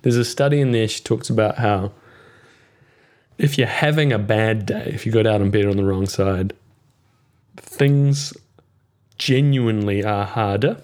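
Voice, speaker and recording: A man hosting a podcast, speaking thoughtfully and gently in reflective conversation. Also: fairly low pitch, measured pace, long pauses. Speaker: podcast host.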